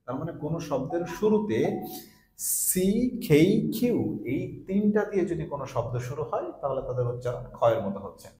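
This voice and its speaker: A man's voice: fairly high pitch, big pitch swings, a little fast, warm tone, slight background noise. Echoey Bengali-accented man teaching pronunciation. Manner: drills each word three or four times, mixing Bengali and English. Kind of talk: classroom lesson, repeating example words. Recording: echoey room.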